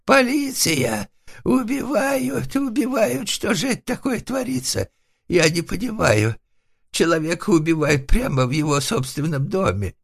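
A man voicing a timid, easily frightened hermit who whines and wails in a shrill, trembling voice, in an audiobook. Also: sing-song, unhurried, gravelly, slightly rough, heavily acted. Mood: panicked. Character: frightened, whimpering male hermit behind a door.

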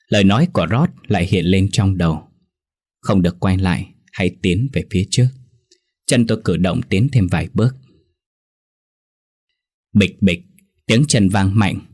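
A man narrating a first-person horror story in a tense, measured storytelling manner. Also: low-pitched, darkish tone.

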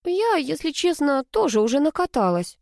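A woman's voice: fairly high pitch, lively intonation, fairly quick, warm tone, no room sound, clean studio sound, voice pushed up, lightly acted. Woman voicing a sulky sarcastic student girl. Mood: grumbling. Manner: grumbling, sarcastic, whiny.

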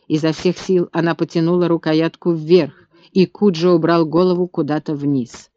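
A man reading an audiobook in steady, tense scripted narration. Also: a little high, moderate pace, dry recording. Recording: dull lo-fi dry recording.

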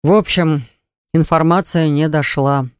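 A woman's voice: sits low, steady tone, a little slow, clean tone, dry recording, studio quality. A woman narrator voicing a grown man, an eldest brother, who answers tersely and defensively. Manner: terse, sighing.

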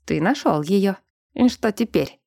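A woman reading an audiobook and voicing a gruff, protective male werewolf who talks low and teases drowsily. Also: animated, unhurried, warm tone, no echo, studio quality. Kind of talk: audiobook character voice.

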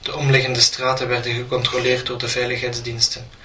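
A man reading a short story aloud in an even storytelling manner. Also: mid-range voice, fairly quick. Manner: flat, even storytelling delivery. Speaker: narrator. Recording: roomy, distant mic, faint noise.

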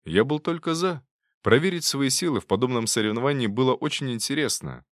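A man narrating a novel in the first person, wry and expressive. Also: mid-range voice, fairly quick, dry recording, clean studio sound. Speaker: audiobook narrator.

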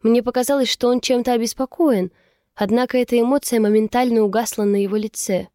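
A woman reading a first-person novel aloud in an even, measured way. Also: fairly high pitch, no echo, studio quality. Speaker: audiobook narrator. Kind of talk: first-person scripted narration.

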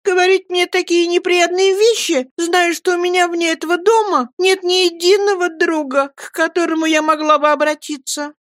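A woman voicing a young widowed mother who is tearful and excitable, speaking in a shrill, pleading way in an audiobook. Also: slow pace, hardly any pauses, dry recording, clean studio sound. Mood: tearful, indignant. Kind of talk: audiobook character voice.

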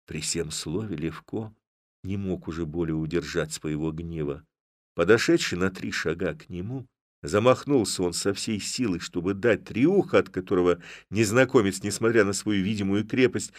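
A man narrating a classic story in an expressive, theatrical reading. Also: lowish voice, dry recording, studio quality. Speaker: audiobook narrator.

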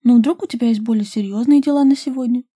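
A teasing, excitable young heroine of a romance audiobook, as a woman reader puts her on. Her voice rises high and loud, mellow and warm in tone, with a dry close sound. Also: fast, slightly rough, no room sound. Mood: eager.

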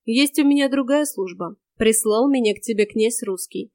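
A solemn warrior hero, read by a woman, speaks plainly and gruffly in old-fashioned words. He is earnest and a little grim. The reading is dry and close. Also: a little high, normal speed, a little mellow, no echo, close to an everyday voice.

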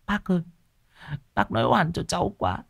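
A man voicing a desperate young widowed mother who pleads tearfully in a high, wailing voice, in a spoken ghost story. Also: big pitch swings, moderate pace, gravelly, a bit bright, no room sound, studio quality, full character voice. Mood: pleading.

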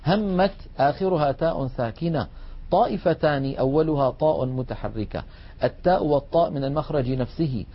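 A man teaching a lesson on recitation rules, explaining patiently and drawing out slow recited examples. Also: fairly high pitch. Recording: dull lo-fi recording.

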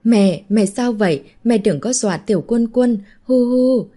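A woman's voice: medium pitch, lively intonation, normal speed, dark tone, breathy edge. A woman reading an audiobook voices a frightened little girl who whimpers for her mother. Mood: frightened, tearful. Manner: whimpering, childlike sobbing.

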